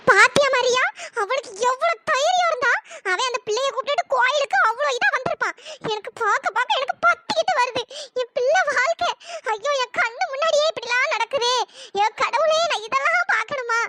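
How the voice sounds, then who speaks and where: A voice actor playing a middle-aged mother in a cartoon story who wails and curses, in a high pitch-shifted voice. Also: lively intonation, fairly quick, sharp tone, no echo, heavily acted. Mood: lamenting. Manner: wailing, cursing.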